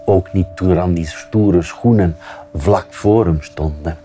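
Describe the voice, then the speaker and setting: A man with a Flemish accent, an author calmly reading his children's book aloud. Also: deep voice, faint music behind. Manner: calm, measured storytelling.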